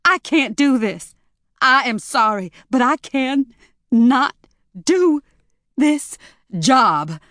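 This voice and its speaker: A woman's voice: medium pitch, normal speed, fairly bright tone, dry recording, studio quality, natural voice. A woman narrator voicing a shaken young woman care worker who whimpers and stammers. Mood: distraught.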